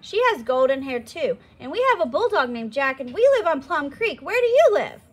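A woman's voice: sits high, sing-song, normal speed. A woman reading aloud and voicing an outspoken young pioneer girl in an eager, raised childlike voice.

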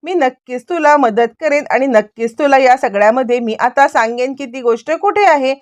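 A woman's voice: high-pitched, normal speed, no echo, close to an everyday voice. A woman voicing a pushy older grandmother who coaxes and broods in suspicion. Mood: coaxing.

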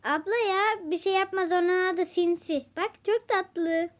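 A woman's voice: very high voice, steady tone, measured pace, pitched above the performer's own voice. A woman voicing a helpful local boy who guides and reassures a visitor. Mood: reassuring. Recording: dull lo-fi recording.

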